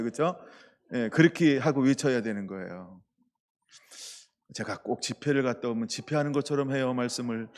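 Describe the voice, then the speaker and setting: A male pastor preaching a sermon in a playful, lively way, asking the congregation questions and acting out little quotes. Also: mid-range voice, in a large hall. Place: church.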